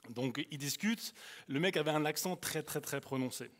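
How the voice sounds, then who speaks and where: A young man with an Alsatian accent preaches to a youth crowd, spinning a story with lots of animation. His voice sits somewhat high for a man. He swings from loud, excited bursts to hushed, confiding asides. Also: moderate pace. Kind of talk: storytelling sermon.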